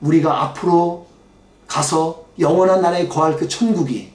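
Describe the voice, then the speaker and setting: A man's voice: fairly high pitch, normal speed, a little mellow. A man preaching a sermon as pastor, pleading and emotional, addressing his congregation directly. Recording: echoey church hall, mic off at a distance.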